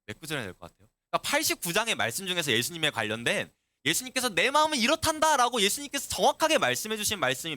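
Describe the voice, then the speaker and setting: Male youth pastor with a high, very lively voice, preaching to teens. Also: no echo. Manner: asks the students many questions; lively and animated. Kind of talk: sermon to middle schoolers.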